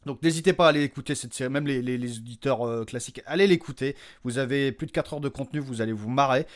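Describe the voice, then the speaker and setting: This man talks fast at a medium pitch while hosting a podcast he created. His announcement is unscripted and informal, wandering and slangy, with plenty of self-deprecation.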